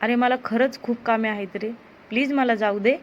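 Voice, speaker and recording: A woman voicing a torn young woman who pleads softly with the man she loves. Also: on the high side, steady tone, normal speed, lo-fi sound, a little hiss or hum, lightly acted. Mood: pleading. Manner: soft, pleading.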